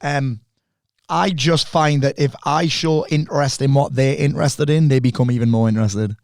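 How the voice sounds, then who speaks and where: An animated middle-aged man telling stories in a relaxed podcast conversation, swearing freely. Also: mid-range voice, normal speed, creaky, no room sound, clean studio sound. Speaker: podcast guest. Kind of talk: casual conversation.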